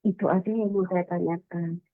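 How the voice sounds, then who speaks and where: A woman calling in on a faint phone line, sounding far off with the phone held away, speaking softly and hesitantly. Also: fairly low pitch, steady tone, normal speed, no echo. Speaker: caller. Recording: tinny distant phone line.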